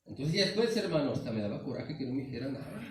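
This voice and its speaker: Northern Mexican preacher in an echoey church. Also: male voice, medium pitch, very animated, quick pace, recorded from a distance. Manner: earnest, keeps calling listeners "hermano". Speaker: pastor. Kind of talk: sermon. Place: large church sanctuary. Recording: very echoey hall, voice from afar.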